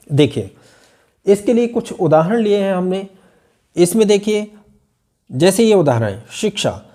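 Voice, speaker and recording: Brief: high-voiced male teacher, slow and deliberate, repeats example words. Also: dark tone. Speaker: Hindi teacher. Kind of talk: pronunciation lesson.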